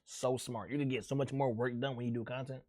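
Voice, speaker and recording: A man streaming and chatting casually with his viewers, speaking in a slangy drawl that often trails off quietly. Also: mid-range voice, steady tone, a little fast. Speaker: streamer reacting to a video. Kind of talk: casual chat.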